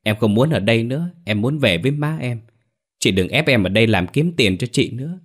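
A man's voice: medium pitch, animated, fairly quick, voice pushed up, lightly acted. A man voicing a young woman who pleads tearfully in a ghost story audiobook. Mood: pleading.

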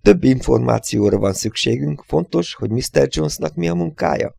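Excitable puzzle guy, as a man reads him, bouncy pitch, gravelly. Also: no echo, exaggerated voice. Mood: eager. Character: eager excitable male puzzle solver.

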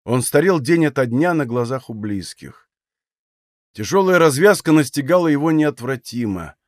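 Measured male audiobook narrator. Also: medium pitch, a little mellow, dry recording, clean studio sound. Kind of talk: scripted literary narration.

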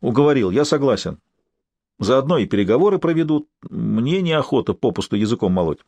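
A man's voice: medium pitch, sing-song, a little fast, a little mellow, no echo. A male narrator voicing a sardonic young ruler who grumbles and mocks his friend, in an audiobook. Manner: sarcastic, grumbling.

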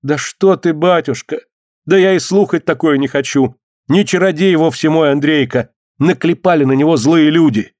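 Guy doing a heartbroken young village wife, wailing folk-style laments, higher voice, dry close sound. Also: moderate pace, darkish tone, no room sound, close to an everyday voice. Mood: pleading. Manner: lamenting, pleading folk speech. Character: grieving young peasant wife, desperate.

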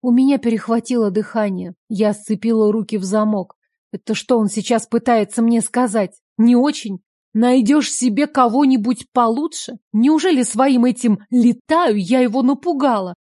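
A woman reading a first-person story aloud in a lively, confiding storytelling manner. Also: fairly high pitch, moderate pace, no room sound, clean studio sound. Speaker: story reader. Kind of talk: first-person scripted narration.

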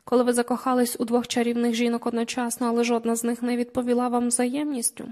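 A woman reading an audiobook, voicing an excitable, earnest young male companion in a slightly high voice. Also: fast, natural voice. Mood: teasing.

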